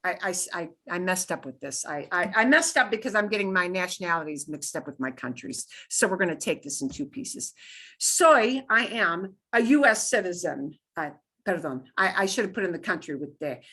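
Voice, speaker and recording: A woman with a bright, forward voice gives a beginner Spanish lesson. Her pitch moves in lively swings as she emphatically instructs the class, with slow, careful pronunciation of each foreign word. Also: slightly rough. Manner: pronounces foreign words slowly and deliberately, broken into parts; emphatic, instructive, checks in often. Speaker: Spanish teacher.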